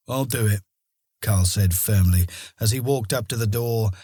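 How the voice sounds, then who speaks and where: A man narrating a fantasy audiobook in a steady storytelling manner. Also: deep voice, slightly rough, dry recording, clean studio sound. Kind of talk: scripted narration.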